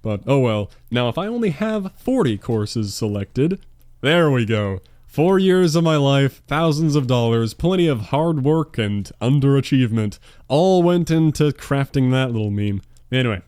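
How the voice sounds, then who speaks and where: A gaming YouTuber in his twenties answers viewer questions in a laid-back monologue, his humor dry, sarcastic and self-deprecating. His voice is medium in pitch with a darkish tone, captured dry at home on a stand-mounted dynamic studio mic.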